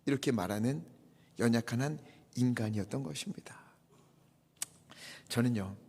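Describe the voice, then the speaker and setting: A pastor in his forties preaching a sermon in a dramatic way, dropping to hushed asides and climbing to loud peaks. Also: medium pitch. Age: 40s. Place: church sanctuary. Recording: long church reverb.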